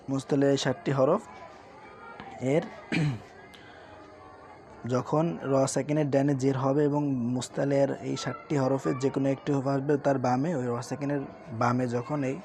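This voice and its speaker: A man teaching Quran reading, spelling out syllables slowly and repeating each word, asking questions and answering them himself. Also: medium pitch, warm tone. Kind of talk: spelled-out recitation lesson. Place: madrasa room with sounds nearby. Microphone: screen-recording setup.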